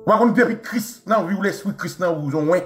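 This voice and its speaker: Man, Haitian Creole accent, host, mocking rant, repetitive, fairly high voice, faint music behind. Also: rapid-fire. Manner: mocking, repetitive, swings between loud outbursts and low asides. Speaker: radio show host. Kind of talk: impassioned monologue rant.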